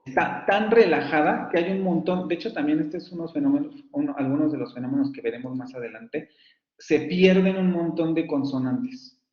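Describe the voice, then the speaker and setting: The roomy, dull lo-fi audio captures a recorded online phonetics lecture for university students. The man teaching has a voice on the high side and a moderate pace, and he explains at length while modeling example words aloud.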